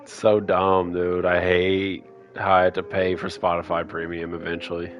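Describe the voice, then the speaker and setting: A man chatting casually on a stream, laid-back and grumbling, quick to agree. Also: deep voice, completely flat delivery, lo-fi sound, soft background music. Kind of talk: casual chat.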